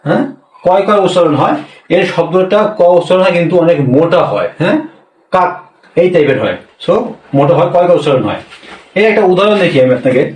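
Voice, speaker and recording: Male language teacher, slightly high voice, patient and repetitive, roomy sound set back from the mic. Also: animated, darkish tone, far from the mic. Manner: slow, repeats each point, asks questions and answers them himself. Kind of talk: spoken language lesson.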